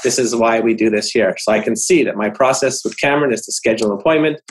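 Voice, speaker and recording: A man's voice: medium pitch, quick pace, low-quality recording. A man explaining a website layout on a video call, casual and explanatory with fillers and restarts. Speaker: web design consultant.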